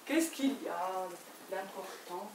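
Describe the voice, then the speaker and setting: An actress playing an evasive, exasperated wife in a stage play, quick and dismissive in her replies. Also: mid-range voice, lively intonation. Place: theater stage. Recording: roomy, distant stage recording with faint hiss.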